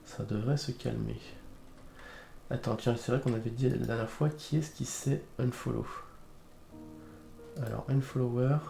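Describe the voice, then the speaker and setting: A man streamer with a head cold chats casually on a live stream, sounding congested as he rambles, hesitates, and uses many fillers. His medium-pitched voice is gravelly and warm, in an echoey room.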